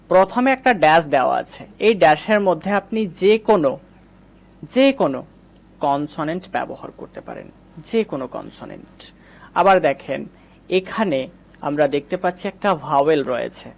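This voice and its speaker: A man teaching English reading, patiently explaining and quizzing his viewers. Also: a little high. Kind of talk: screen-recorded lesson.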